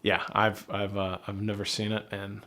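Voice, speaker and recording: A man's voice: fairly low pitch, completely flat delivery, normal speed, sharp tone, slight background noise. A man co-hosting a casual podcast in an easygoing, laid-back way. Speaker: podcast co-host. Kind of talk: casual chat.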